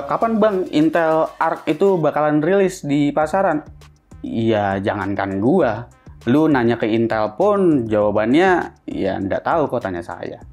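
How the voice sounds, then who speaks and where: A man's voice: medium pitch, darkish tone. Slangy man chatting tech news. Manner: chatty, slangy, thinks aloud. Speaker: tech channel host. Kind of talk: casual tech news commentary.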